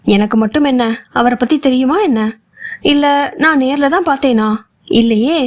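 A woman voicing an anxious, chatty young female friend who fires off rapid worried questions in an audiobook. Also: high voice, natural voice. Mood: reassuring. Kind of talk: audiobook character voice.

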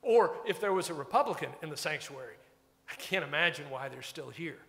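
A pastor delivers his sermon from a church pulpit, sounding wry, reflective and conversational. His fairly high, slightly bright voice is gravelly and brisk, with lively intonation, all wrapped in the sanctuary's long reverb.

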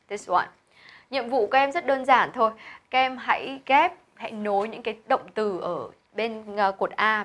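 A woman's voice: mid-range voice, fairly bright tone. A woman English teacher explaining a textbook exercise step by step, patiently, with a Vietnamese accent on the English words. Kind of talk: classroom video lesson.

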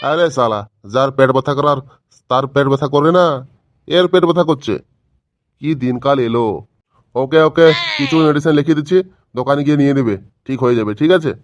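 A man's voice: mid-range voice, brisk, no room sound, close to an everyday voice. A man voicing a brusque quack doctor in a cartoon, curt, grumbling and dismissive. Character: brusque middle-aged quack ayurvedic doctor. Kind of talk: cartoon voice acting.

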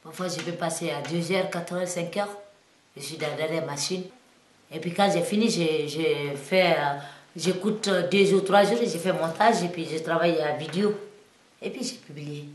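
A singer and musician from Guinea, speaking with a Guinean French accent, gives an interview in simple, broken French full of restarts, growing heated and emphatic. Her voice sits low at a moderate pace in an echoey room.

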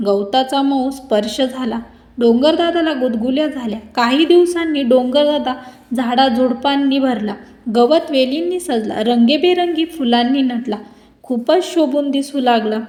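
A woman reading a school textbook story aloud to children, in a clear and expressive storytelling manner. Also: high-pitched, echoey room. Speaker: narrator.

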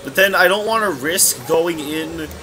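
A man's voice: on the high side, unhurried. A young man giving casual, rambling commentary while playing a racing game, often correcting himself mid-sentence. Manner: rambling, scatterbrained, self-correcting. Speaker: let's play commentator. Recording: game music playing behind.

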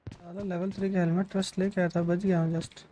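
A man streaming a shooter game, chatting casually with a teammate and calling out enemies in quick, excited bursts. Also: sits high, slight background noise. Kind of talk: casual gaming chat with teammate.

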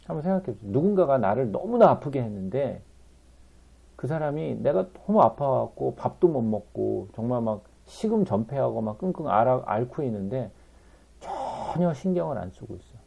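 Male Bible teacher, gravelly and husky, emphatic, keeps prompting listeners; muffled lo-fi recording. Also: medium pitch, very animated, normal speed, warm tone.

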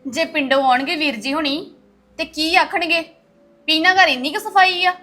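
A woman's voice: high voice, fairly even intonation, moderate pace, pushed and bright. An actress playing a bossy young wife who scolds and orders her in-laws around. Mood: scolding. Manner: scolding, commanding. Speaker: bossy daughter-in-law. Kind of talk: web drama acting.

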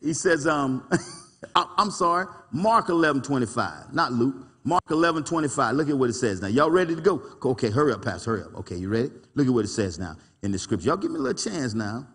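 A male pastor preaches in a colloquial, animated way, calling out to his congregation. His voice is slightly husky, and his pitch leaps and drops with every point. The sound rings with the long reverb of a church hall. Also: fast talker, hardly any pauses. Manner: animated preaching with call-and-response asides; folksy, colloquial speech. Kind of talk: preaching a sermon. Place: church sanctuary.

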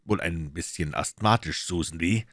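A man voicing a calm, ironic detective in a German audiobook, speaking low and measured. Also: dry recording, clean studio sound. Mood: cool ironic. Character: Sherlock Holmes, cool calm detective, man.

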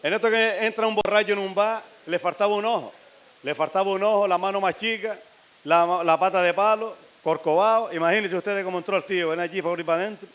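A man's voice: sits high, fast, fairly bright tone. A man telling a string of jokes to a live audience, acting out the characters' lines. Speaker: stand-up comedian.

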